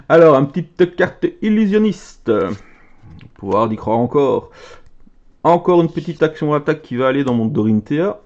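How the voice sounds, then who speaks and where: Lively, excitable man opening cards. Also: fairly high pitch, measured pace, long pauses, muffled recording. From Belgium. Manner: excitable, chatty, reads card names aloud. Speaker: card game content creator. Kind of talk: casual card-opening commentary.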